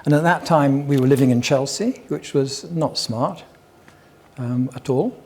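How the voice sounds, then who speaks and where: A man's voice: medium pitch, measured pace, darkish tone, slight background noise. An older man giving a chatty public talk, full of wry asides and digressions. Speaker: guest speaker at a local history talk.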